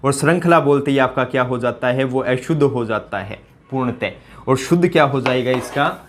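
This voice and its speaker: A man's voice: medium pitch, moderate pace. A man teaching a Hindi spelling lesson for exam students, asking the class question after question and answering them himself, with joking asides in a local dialect. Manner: quizzing listeners with repeated rhetorical questions.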